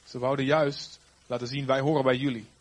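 A man preaching a sermon, swinging from loud, emphatic lines to quiet, trailing ends. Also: mid-range voice, little pitch movement, fairly quick.

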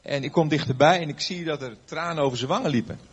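Older male pastor with a husky voice, chatty storytelling sermon, dull lo-fi recording. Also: fairly high pitch, fast talker. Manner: conversational storytelling with fillers and questions to the audience. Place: before a live audience.

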